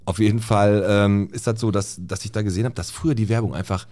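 A man's voice: fairly low pitch, fairly even intonation, fast talker, darkish tone. A man co-hosting a podcast in casual chat, rambling and laughing often. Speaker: podcast co-host.

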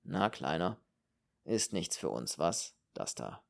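A man voicing a gruff, good-natured, mocking male vagrant in an audiobook, lower than his narration. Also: big pitch swings, a little slow, heavily acted. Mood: gruff teasing.

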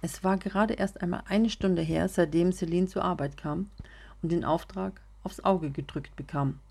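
A woman narrating a serialized story in a steady, measured reading voice. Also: fairly low pitch, creaky, breathy edge.

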